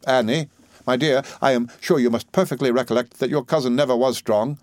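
A man's voice: steady tone, fairly quick, darkish tone, no echo, clean studio sound, close to an everyday voice. A man voicing a fussy, overbearing old widow who gushes and talks with heavy emphasis. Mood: gushing. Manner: shrill, emphatic, gushing. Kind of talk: audiobook character reading.

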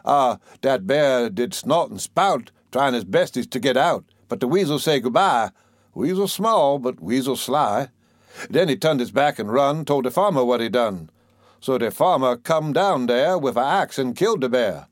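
A man voicing an old storyteller, fond and scolding, dry close sound, middle pitch. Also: lively intonation, normal speed, no echo, lightly acted. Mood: folksy. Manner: fond, scolding, folksy drawl. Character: old storyteller coaxing a fussy child. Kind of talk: dialect poem recitation.

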